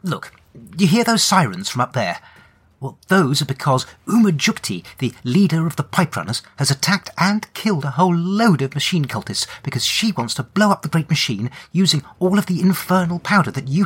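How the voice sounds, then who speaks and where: A man's voice: fairly high pitch, sing-song, fairly bright tone, slightly rough, pitched above the performer's own voice, heavily acted. Man doing a flustered bluffing young woman. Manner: hurried, awkward, rambling. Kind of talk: solo tabletop role-play.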